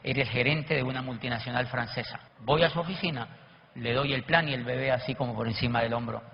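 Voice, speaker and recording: A man, a network marketing speaker, telling animated seminar stories and acting out the people he quotes. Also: medium pitch, fast. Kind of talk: motivational seminar storytelling. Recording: echoey hall, dull lo-fi, faint noise.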